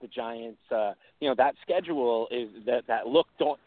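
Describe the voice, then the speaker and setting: A man from New York hosts a sports talk show, rambling through his picks with plenty of "uh"s and restarts. His voice is mid-pitched and comes over a dry, tinny, phone-like line. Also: moderate pace, no room sound. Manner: rambling with many fillers and restarts. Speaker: sports radio host.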